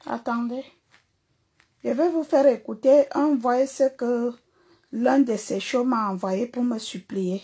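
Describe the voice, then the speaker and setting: A woman's voice: fairly high pitch, slow pace, dark tone, breathy edge. A woman singer delivering an angry, mocking social media rant, hurling repeated insults. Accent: Cameroonian.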